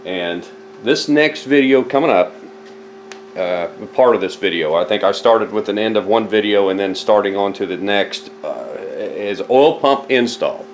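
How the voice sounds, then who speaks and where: Fairly low in pitch yet lively in intonation, a home mechanic speaks unhurriedly over slight background noise in his casual garage vlog about rebuilding a car. Stuffed up from a head cold, he rambles, corrects himself as he goes, and keeps talking while hunting through boxes.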